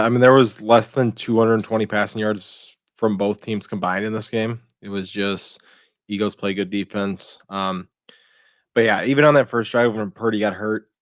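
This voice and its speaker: A man's voice: on the low side, no room sound, studio quality. A man co-hosting a sports podcast, laid-back and hesitant, with frequent fillers. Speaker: podcast co-host. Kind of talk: casual sports talk.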